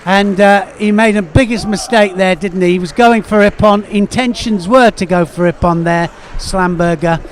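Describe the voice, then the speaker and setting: A man giving expert co-commentary in live sport, eager and halting with lots of fillers. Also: high voice, slight background noise.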